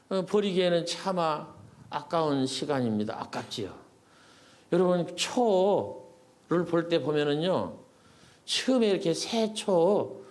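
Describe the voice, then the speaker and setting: An older Korean poet from South Korea speaks in a high voice with a darkish tone. He gives a folksy public lecture to older adults, posing questions to the audience and answering them himself, and he repeats words for emphasis.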